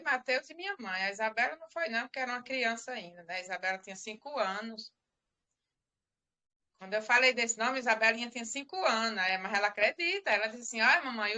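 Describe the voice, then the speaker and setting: On a live stream, a middle-aged church member talks fast in a rather high, bright, forceful voice while giving her religious testimony. The story meanders, and she keeps repeating herself.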